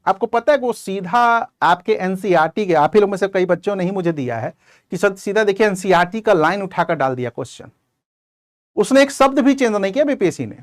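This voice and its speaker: A man's voice: high-pitched, animated, a little fast, no room sound, clean studio sound. A man teaching as an exam coaching teacher, giving direct, conversational advice to his students in an informal lecture.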